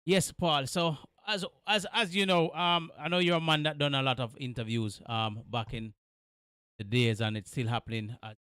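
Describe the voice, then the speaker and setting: A man's voice: medium pitch, steady tone, moderate pace, bright, forceful tone, smooth, no room sound, clean studio sound. A man hosting a live radio interview, friendly and chatty, with many fillers and repeated thanks. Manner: friendly, repeats himself, lots of fillers and big-ups. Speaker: radio show host.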